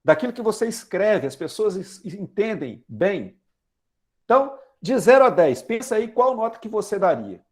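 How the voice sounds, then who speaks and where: A man's voice: high-pitched, big pitch swings, normal speed. A Brazilian man in his forties preaching a chatty sermon, asking the congregation questions and using everyday examples. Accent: Brazilian Portuguese. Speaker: lay preacher. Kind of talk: conversational sermon.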